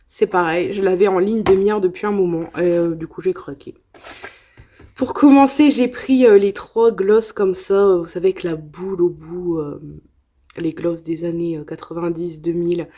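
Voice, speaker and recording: This is a young woman vlogging a makeup haul in a relaxed, chatty way. She sounds enthusiastic, piles on asides and fillers, and her voice has a mellow, warm tone. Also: medium pitch. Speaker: beauty vlogger. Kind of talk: casual haul video chat.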